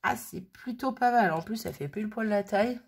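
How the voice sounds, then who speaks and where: A woman's voice: mid-range voice, a little fast, vocal fry, slightly rough. A woman casually thinking aloud as she works on a craft project, chatting and muttering to herself at her worktable. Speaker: crafting vlogger.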